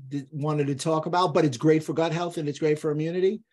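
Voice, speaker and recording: A man's voice: on the high side, steady tone, fast talker, a little mellow. A man speaking as a guest on a podcast, explaining food and health in an emphatic, blunt, lecturing way. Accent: none, trained out of New York accent. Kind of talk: conversational podcast interview.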